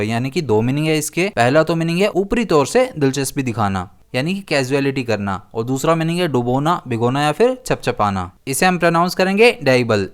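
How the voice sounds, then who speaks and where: A man teaching an exam-prep vocabulary lesson, listing words steadily and slowing down to read definitions. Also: a little high, clear, resonant tone.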